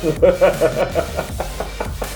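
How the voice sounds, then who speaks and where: American chef guy vlogging in his little kitchen, hyped and showy, faint music under it. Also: extremely slow. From United States. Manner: enthusiastic, showman-like. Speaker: chef and vlog host. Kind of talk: casual cooking vlog. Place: small home kitchen.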